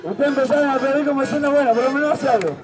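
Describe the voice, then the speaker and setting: High-pitched Argentine man, playful kids' party entertainer, outdoors. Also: very fast, over music. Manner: projecting to a crowd, countdown calls. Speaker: street circus performer. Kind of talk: street show patter to a live crowd. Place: large outdoor city plaza at night. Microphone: distant audience phone camera. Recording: distant phone recording, noisy city square, crowd. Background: crowd and street traffic noise.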